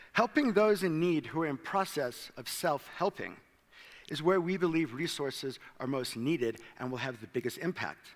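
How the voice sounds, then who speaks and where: A conference speaker, born in South Africa but speaking with an American accent, presents in a large hall and mixes in gentle self-deprecating jokes. His slightly high, fairly bright voice carries a big-room sound.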